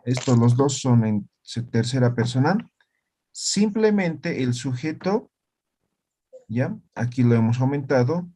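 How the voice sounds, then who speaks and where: Male teacher, unhurried explaining, mid-pitch voice, keeps asking if the class follows. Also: expressive, mellow. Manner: explains slowly, tagging lines with "¿no ve?" and "¿ya?". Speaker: language teacher. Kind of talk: online class lesson.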